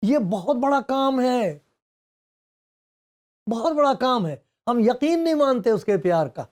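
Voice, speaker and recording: A man's voice: extremely high pitch, lively intonation, darkish tone. A male pastor preaching a conversational sermon, asking many rhetorical questions and acting out the voices of people in the story. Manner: acts out the speech of people in the story.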